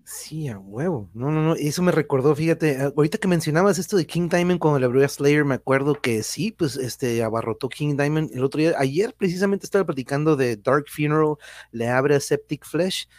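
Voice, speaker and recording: A man's voice: on the high side, brisk, dry recording, studio quality. A Mexican man hosting a podcast, chatting casually and reading out viewer comments. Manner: relaxed, short reactions, reads comments aloud. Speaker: podcast host.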